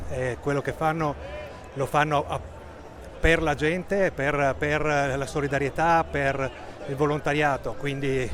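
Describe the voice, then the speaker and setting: A man from the alpine troops association, speaking cheerfully in a street interview with some hesitant restarts. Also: on the high side.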